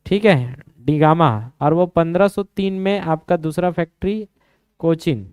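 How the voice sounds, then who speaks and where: A man teaching an exam-prep history lesson, quizzing students with quick questions and memory tricks. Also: a little high, darkish tone, clean tone, no echo, studio quality.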